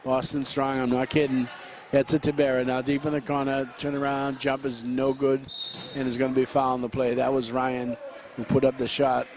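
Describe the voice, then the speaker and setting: A man calling play-by-play for a high school basketball game, running through quick action with frequent fillers and restarts. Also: monotone, noisy background. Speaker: play-by-play announcer.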